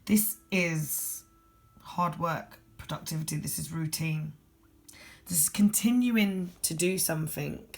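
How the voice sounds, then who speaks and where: This husky-voiced tarot reader from London sounds worn out as she gives a general reading at a quick, no-nonsense clip, her voice landing in a mid range.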